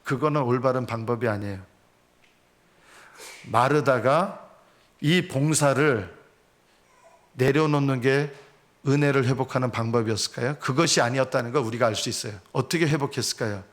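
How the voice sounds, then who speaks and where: Earnest pastor. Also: male voice, medium pitch, normal speed, pauses often. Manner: earnest, rhetorical questions to congregation. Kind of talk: sermon.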